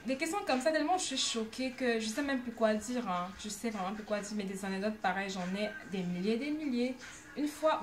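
A young woman vlogging casually, telling anecdotes in an animated, ironic way with lots of hesitations. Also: medium pitch, slight background noise. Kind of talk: casual storytelling vlog.

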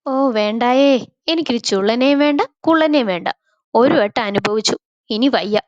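A woman's voice: a little high, normal speed, no room sound, lightly acted. A woman voicing a lonely young woman who sulks and pouts like a child, on a slightly dull, dry recording. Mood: pouting. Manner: soft, sulky and childlike.

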